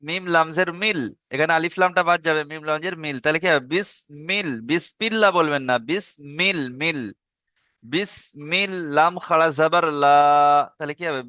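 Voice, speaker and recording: A man teaching Quran reading with a Bengali accent, spelling out letters and vowel marks, then chanting each verse slowly and asking learners to repeat after him. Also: fairly high pitch, bright, forceful tone, clear, resonant tone, no room sound, clean studio sound. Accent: Bengali, from eastern India. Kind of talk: online Quran reading lesson.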